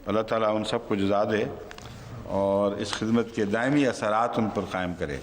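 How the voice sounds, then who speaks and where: A man's voice: lowish voice, steady tone, a little hiss or hum. Man teaching in a reverberant hall. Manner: conversational, breaks off to quiz a helper. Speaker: religious teacher giving Quran commentary. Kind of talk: unscripted sermon-like lesson to a gathering.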